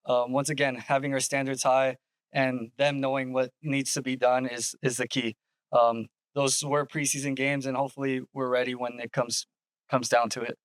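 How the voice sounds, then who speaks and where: Giving interview answers, a men's soccer coach from Yakima, Washington speaks deliberately and with frequent pauses, his smooth, clear voice barely shifting in pitch. The audio is close and dry, with no room sound.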